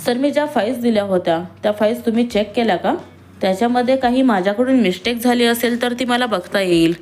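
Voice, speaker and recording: A woman's voice: on the high side, fast talker, voice pushed up, lightly acted. A woman voicing a timid young office worker. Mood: worried. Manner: soft-spoken, nervous, innocent.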